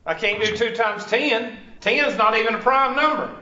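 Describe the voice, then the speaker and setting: This math teacher's voice is very high, pushed, and bright, moving at a moderate pace as he works problems aloud and questions the class. The classroom lesson is captured with echo and a dull, distant quality.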